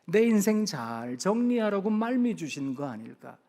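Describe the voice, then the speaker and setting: Elderly grandfather deacon, as a preacher puts him on, plaintive, animated rises and falls, long hall reverb. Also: high-pitched, normal speed. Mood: reflective. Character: elderly grandfather deacon, stubborn then repentant.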